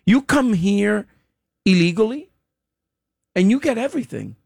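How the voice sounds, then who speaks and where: A man's voice: high-pitched, lively intonation, unhurried, vocal fry, no room sound, clean studio sound. An older man hosts a talk radio show and delivers an emphatic, scolding opinion monologue in short, punchy phrases. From Dominican Republic. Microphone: studio microphone.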